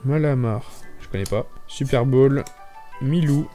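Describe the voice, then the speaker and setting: A young man with a French accent chatting excitedly to viewers, stumbling over his words as he opens card packs. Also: mid-range voice, measured pace, soft background music. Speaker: YouTuber opening card packs. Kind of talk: casual excited chat.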